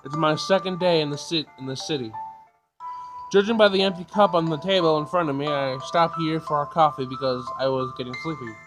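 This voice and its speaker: This gaming host has a high-ish voice and talks a little fast, casually reading game text aloud and stumbling over words while game music plays behind him.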